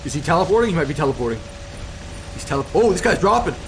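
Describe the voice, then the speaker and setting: A man doing live gameplay commentary as a hyped, excitable gamer bro who repeats his phrases, hosting his video. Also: on the high side, rapid-fire, background noise. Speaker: gaming video host.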